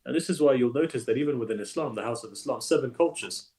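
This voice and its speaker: Guesting in a conversational interview, a male imam speaks quickly in a mid-range voice. He's emphatic and animated, frequently repeating himself while building an argument.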